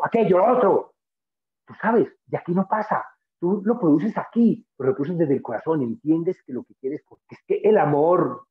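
A man guest speaker giving a spiritual motivational talk, earnest and emphatic, repeating phrases to drive points home. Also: fairly high pitch. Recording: tinny phone-like sound.

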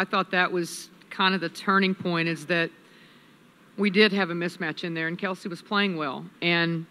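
Woman head coach, 50s, postgame presser; bright tone, narrow range, thoughtful restarts. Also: fairly low pitch. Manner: measured, analytical, many restarts. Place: press room with sponsor backdrop. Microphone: table mic on a stand.

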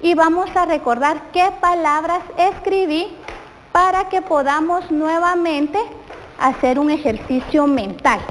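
Slow, high-voiced Guatemalan woman teacher. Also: big-room sound, slight background noise, low-quality recording. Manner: slow, questioning the viewers often. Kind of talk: televised classroom lesson.

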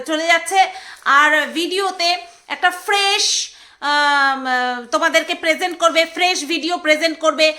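Woman, high ringing voice, snarky casual commentator. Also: bright, forceful tone. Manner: mocking, sarcastic, teasing. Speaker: vlogger.

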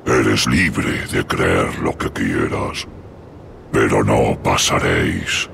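An actor playing a solemn ancient guardian spirit in a fantasy game, grave and ominous, with game sound behind him. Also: male voice, a bass voice, drawn-out words, vocal fry, fairly bright tone, slight background noise, exaggerated voice. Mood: solemn warning. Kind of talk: scripted fantasy game acting.

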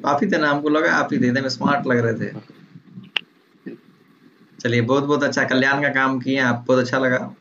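Jovial teacher with a lilt. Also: male voice, mid-range voice, steady tone, normal speed, long pauses, a bit bright. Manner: teasing, jovial, calls on students by name. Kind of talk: casual online class. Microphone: video call. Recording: dull online call audio with faint noise.

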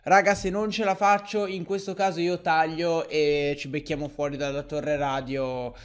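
A young man doing excitable Let's Play commentary over a game, swearing often and yelling when frustrated. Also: on the high side, normal speed, clear, resonant tone. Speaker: gaming YouTuber.

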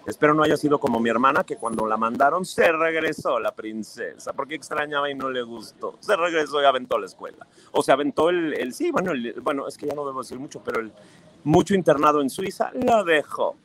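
A man's voice: fairly high pitch, fairly bright tone, poor audio. A man with a Mexican accent hosting a casual livestream, reading viewers' comments aloud in a chatty, affectionate, playfully teasing way. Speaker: livestream host.

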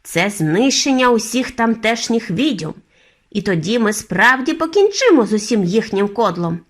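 A woman reading an audiobook and voicing an elderly grandmother who speaks calmly and deliberately. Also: on the high side. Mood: brisk. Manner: measured, unhurried, knowing. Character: calm, determined elderly grandmother.

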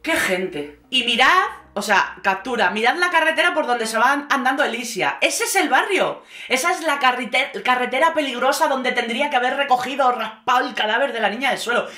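A woman with a Spain Spanish accent hosts a gossipy recap vlog, sarcastic and expressive, swearing freely. Her voice sits a little high and sounds bright and forceful. The room around her is echoey. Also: brisk. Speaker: YouTube host recapping a reality show. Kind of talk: casual gossipy recap commentary.

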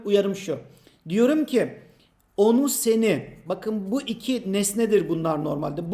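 Male teacher with a high voice, patient exam prep grammar lesson, asks and answers his own questions, echoey room. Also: a little mellow. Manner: addresses imagined students by name.

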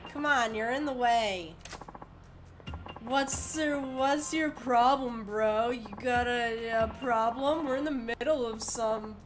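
A woman's voice: fairly high pitch, slow, soft background music. Woman doing a slurring drunk thug. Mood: slurred taunting. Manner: slurred, swaggering drawl. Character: drunk belligerent male street thug.

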